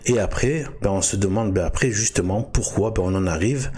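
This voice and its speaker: A man hosting his own video, explaining things in a casual monologue, halting and full of restarts and fillers as he clicks through a web page. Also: on the low side, darkish tone, slightly rough. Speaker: video host.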